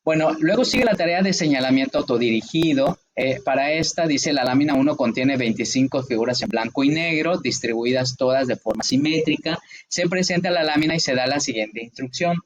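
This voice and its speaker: A man's voice: medium pitch, brisk, slight background noise. A man teaching a lesson, explaining a test procedure step by step and checking often that his listeners follow. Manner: patient, repeats checks with listeners. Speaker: instructor.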